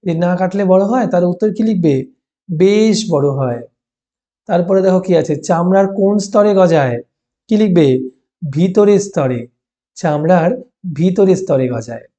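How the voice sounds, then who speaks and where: A man's voice: high-pitched, animated, normal speed, long pauses, dark tone. A male teacher giving a school lesson, dictating answers to write down in short, repeated pieces and prompting with questions. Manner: instructive, prompts with questions then answers them. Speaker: teacher explaining class 5 textbook answers. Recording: dull, muffled lo-fi recording.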